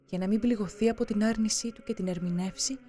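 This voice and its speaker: A narrator giving a solemn, measured scripted reading for a religious documentary. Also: mid-range voice, mellow.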